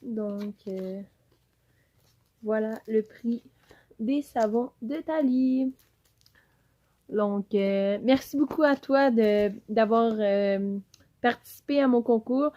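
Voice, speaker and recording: Chatty Quebec woman, slow and rambling. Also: a little high, dark tone, muffled recording. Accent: Quebec French. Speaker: YouTuber. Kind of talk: casual giveaway unboxing. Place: her home office. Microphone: camera mic.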